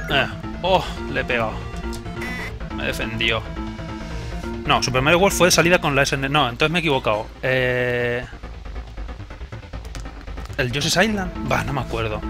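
A man's voice: mid-range voice, expressive, moderate pace, pauses often. A young man with a Spain Spanish accent commenting live on a video game he plays, casual and joking, swearing freely. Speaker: gamer. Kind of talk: live let's play commentary. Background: video game music.

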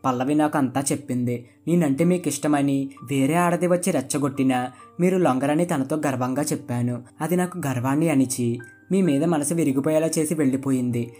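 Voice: medium pitch, brisk, warm tone, faint music behind, natural voice. Narrator reading a hurt, reproachful wife. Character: hurt wife confronting her husband.

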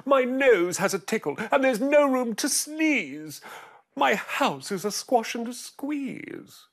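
Man doing a squeaky flustered little old lady. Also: very animated, slow, fairly bright tone, full character voice. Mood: pleading. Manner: high, wailing and pleading.

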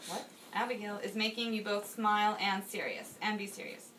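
A woman with a medium-pitched, slightly bright voice reads a birthday toast at normal speed and with fairly even intonation, dropping in casual asides. She's in a kitchen at an indoor house party, recorded by a phone camera held a few feet off, with the crowd noisy around her.

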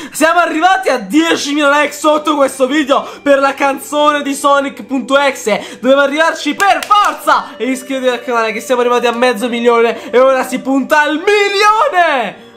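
A high-pitched man hosts a reaction video with jokey, excitable commentary. He keeps breaking into loud shouted reactions. Faint music plays quietly behind him. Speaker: YouTuber host.

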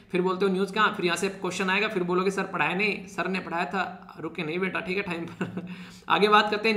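A man's voice: sits high, bright, forceful tone, reverberant. A man teaching a casual Hindi exam-prep lecture, chatty and teasing with his students, laughing often. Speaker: current affairs teacher.

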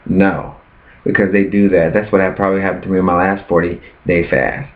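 A man with a very low voice preaches earnestly to camera, posing rhetorical questions. His words come through thin and tinny, like over a phone line. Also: flat delivery, brisk. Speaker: preacher sharing his fast. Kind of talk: casual preaching vlog.

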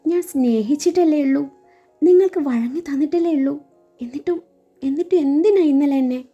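A woman voicing a hurt young wife, speaking with quiet, tearful bitterness, over a dull recording with faint music. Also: a little high, a little fast, breathy edge. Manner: quiet, wounded, tearful pleading.

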